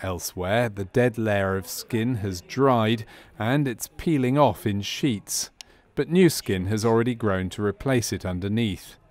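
A man with a fairly low voice narrates a medical training film, delivering scripted documentary narration in an explanatory way. He is unhurried and pauses little.

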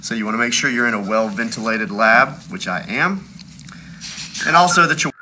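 Bright-voiced man talking through a face mask. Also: medium pitch, moderate pace, a little hiss or hum, poor audio. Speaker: biology lab instructor demonstrating dissection. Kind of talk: instructional narration of hands-on demonstration.

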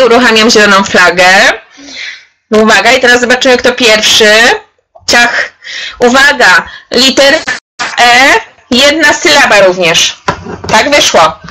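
A woman's voice: a little high, bright, forceful tone, rough recording. Upbeat woman trainer leading a webinar. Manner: chatty and encouraging, addresses participants by name. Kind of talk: live online workshop demonstration.

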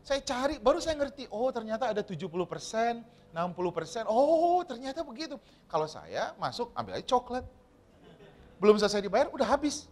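A male pastor preaching a sermon to his congregation, animated and often asking them questions. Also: very high voice, fairly quick. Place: church hall.

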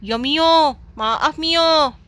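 A woman's voice: high-pitched, drawn-out words, fairly bright tone, no echo, exaggerated voice. A woman voicing a cheeky, lazy young man in a game role-play, whiny and full of excuses.

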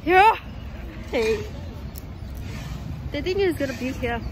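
A woman's voice: sits high, lively intonation, slow, a loud crowd, very noisy. Young woman talking through a face mask. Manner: chatty, giggly, rambling. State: cold, shivering. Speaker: vlogger. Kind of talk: casual vlog chat. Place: outdoors on a city waterfront. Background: loud music.

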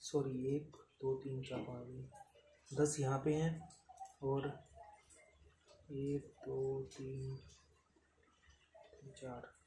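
A man, casually demonstrating camping gear in an unscripted way and filling pauses with "theek hai". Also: mid-range voice, little pitch movement, mellow. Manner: unscripted, repeats "ठीक है", counts items aloud. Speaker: product reviewer. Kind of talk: casual unboxing demo. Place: room with tiled floor, indoors. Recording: echoey tiled room, noisy.

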